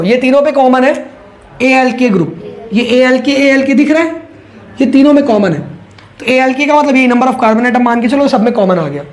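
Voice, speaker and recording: A man teaching a chemistry class in a casual lecture style, asking rhetorical questions, answering them himself and repeating key points. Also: very high voice.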